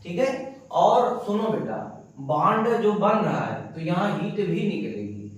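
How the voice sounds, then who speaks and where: A man's voice: sits high, sing-song. Echoey male teacher, far from the mic. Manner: repeats key words, asks and answers his own questions; slow, dictating phrase by phrase. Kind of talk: classroom chemistry lecture.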